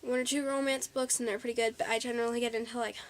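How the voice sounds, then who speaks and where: A woman's voice: fairly high pitch, little pitch movement, rapid-fire. A teenage girl chatting in a casual haul vlog, bubbly and a little out of breath, with lots of ums and likes. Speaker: vlogger.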